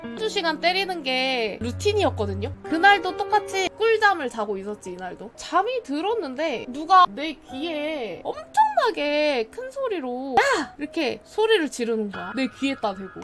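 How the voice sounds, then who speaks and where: A young woman streamer casually telling a scary true story from her childhood, acting out the voices and sounds. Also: high voice. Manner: animated, acts out quotes and sound effects.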